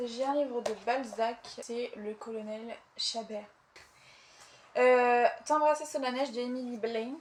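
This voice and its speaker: A woman's voice: a little high, darkish tone, slight background noise. A young woman chatting casually and eagerly about her books, with frequent hesitations. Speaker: book vlogger. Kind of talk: casual chat.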